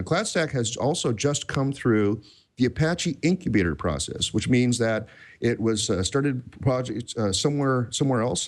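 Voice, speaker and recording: A man hosting a tech podcast in casual chat, rambling and self-deprecating, with many restarts. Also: medium pitch. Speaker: podcast host.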